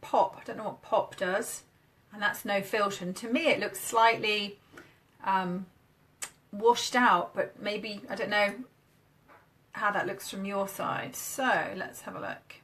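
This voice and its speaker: A woman's voice: medium pitch, fairly even intonation, unhurried, fairly bright tone. A woman from the UK, a marketing coach, chatting upbeat and casual on a live stream while demoing on screen. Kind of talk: casual Facebook Live chat.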